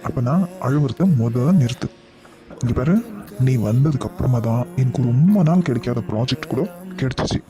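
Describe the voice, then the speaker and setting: A man voicing a caring, patient young husband in a cartoon, speaking in a gentle, coaxing way. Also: mid-range voice, moderate pace, music in the background, lightly acted.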